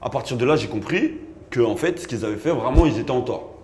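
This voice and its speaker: A man spins a casual personal story, loose and slangy, jumping into the voices of the people in it. His middle-pitched voice bounces around a roomy, echoey space. A faint hum of ambience sits underneath. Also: quick pace. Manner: animated, slangy, acts out dialogue. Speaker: rapper telling a personal story.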